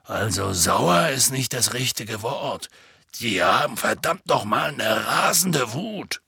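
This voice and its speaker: A man voicing a huge, gruff half-giant groundskeeper with a slow, raspy, folksy way of talking. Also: mid-range voice, lively intonation, bright, forceful tone, no room sound, studio quality, heavily acted. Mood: grim gruff. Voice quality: gravelly, raspy.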